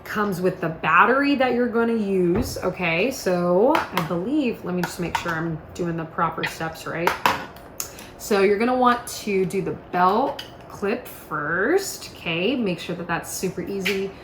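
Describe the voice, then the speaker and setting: A product presenter runs through a casual demonstration, upbeat and chatty, in a mid-range voice with lively intonation and an unhurried pace. The room is echoey with faint noise.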